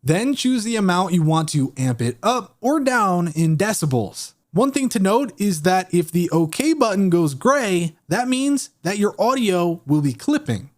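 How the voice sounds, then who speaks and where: Man, tutorial presenter, high voice, animated pitch, clear step-by-step delivery. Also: unhurried, hardly any pauses. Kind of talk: screen-recorded software tutorial.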